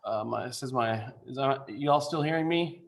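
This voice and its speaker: A man speaks remotely over a video call, walking a council through a building design. His delivery is informal and halting, full of fillers and restarts, at a middling pitch. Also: creaky. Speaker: architect presenting a building design. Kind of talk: presentation to a council.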